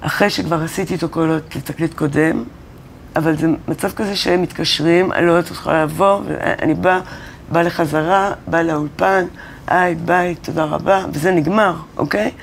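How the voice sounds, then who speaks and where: Animated woman telling a story. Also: on the low side, creaky, slight background noise. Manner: animated storyteller who acts out quoted dialogue. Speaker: interviewed singer-songwriter. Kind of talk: storytelling in a casual interview. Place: college studio or classroom.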